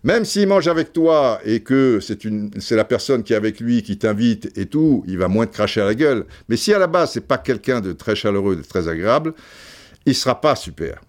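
A man's voice: medium pitch, lively intonation, normal speed. An older man from Africa, a podcast host, telling an anecdote in a rambling way with many fillers and restarts. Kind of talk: storytelling anecdote.

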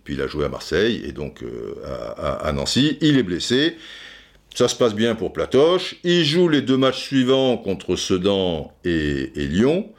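Middle-aged man, deep voice, swooping lively intonation, stammering repeats, casual football storytelling. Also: unhurried, vocal fry. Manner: many stammered repeats and fillers; addresses listener familiarly.

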